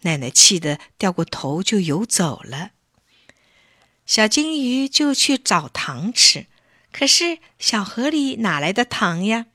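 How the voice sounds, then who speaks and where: A woman reading a children's story aloud in a gentle, expressive way, close to the mic. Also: medium pitch, slow pace, dry recording.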